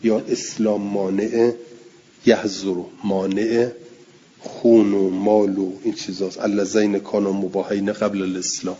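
A man teaching a religious text in class, reading Arabic passages aloud and then explaining them in Persian, slowing down and repeating key words. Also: lowish voice, dark tone, long reverb tail, slight background noise. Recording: dull lo-fi recording.

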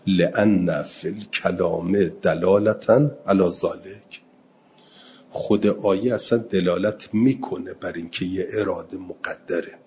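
A man teaching a religious lesson, reading Arabic text slowly and then explaining it quickly in colloquial Persian. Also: low voice, a little mellow, dull audio, slight background noise. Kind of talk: seminary lesson explaining Quranic grammar.

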